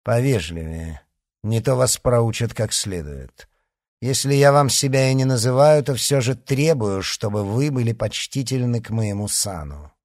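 A man's voice: mid-range voice, unhurried, a little mellow, no room sound, clean studio sound, lightly acted. A man voicing an imperious, haughty nobleman. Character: haughty commanding male nobleman leading riders. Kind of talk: audiobook character reading.

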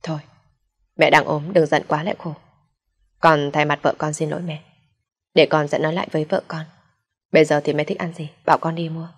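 A woman's voice: low-pitched, brisk, long pauses, slightly rough. Woman doing a weary, placating young husband. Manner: placating, calm.

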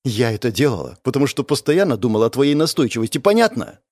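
A man's voice: mid-range voice, big pitch swings, quick pace, darkish tone, dry recording, studio quality. A man voicing a shy, flustered young woman in an audiobook, mumbling in embarrassment.

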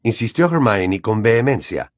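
A man narrating a dramatized audiobook in an even storytelling delivery. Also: fairly low pitch, moderate pace, no echo, clean studio sound.

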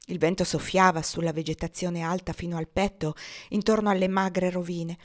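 A woman reading a translated memoir aloud as audiobook narration, with slow, dramatic pauses. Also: lowish voice. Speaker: reader.

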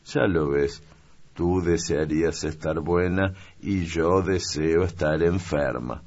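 A man voicing a refined, moody young noblewoman in a slow, deliberate, raised voice in an audiobook reading. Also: rumbling low, gravelly, a little mellow, muffled recording, heavily acted.

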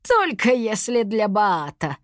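A woman's voice: medium pitch, big pitch swings, slow, dry recording, studio quality. A woman voicing a fussy, preachy male mentor in a storybook reading, lecturing and grumbling. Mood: earnest. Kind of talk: storybook character voice.

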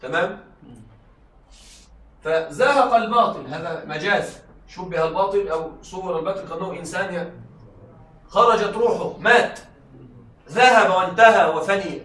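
A man's voice: high voice, moderate pace, long pauses, sharp tone. A man teaching a rhetoric lesson to a class, often stopping to check that the students follow and repeating his examples. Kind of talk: classroom lecture. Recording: echoey room, mic far off, faint noise.

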